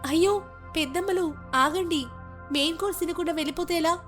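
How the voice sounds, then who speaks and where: A woman's voice: extremely high pitch, brisk, fairly bright tone, soft background music, pitched above the performer's own voice. A woman voicing a naive, cheerful young daughter-in-law from a village who chatters eagerly.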